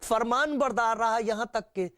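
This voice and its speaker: High-voiced man preaching a sermon. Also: fairly bright tone. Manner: retells scripture with repetition and rhetorical questions.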